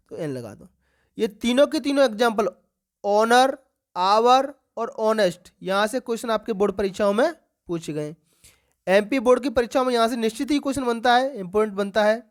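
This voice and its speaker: A woman teacher leads an exam-prep grammar lesson for schoolchildren. She keeps asking the class questions and then answering them herself. She repeats the key words slowly for emphasis. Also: fairly high pitch.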